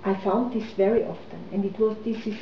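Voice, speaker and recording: Here a businesswoman from Austria, a native German speaker, answers interview questions hesitantly, often restarting and using fillers. She talks fairly quickly in a steady mid-range voice, on a roomy, slightly muffled recording carrying a little hiss or hum.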